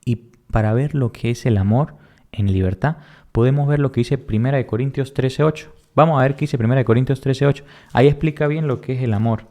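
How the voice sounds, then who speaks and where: A man teaching a Bible lesson, asking questions and answering them himself, repeating points with emphasis and reading verses slowly. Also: mid-range voice, mellow.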